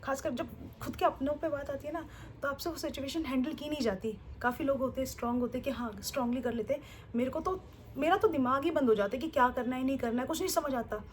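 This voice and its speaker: A young woman vlogger telling a story in a chatty, expressive way and mixing in English words. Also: high voice, quick pace, a little hiss or hum. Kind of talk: casual vlog storytelling.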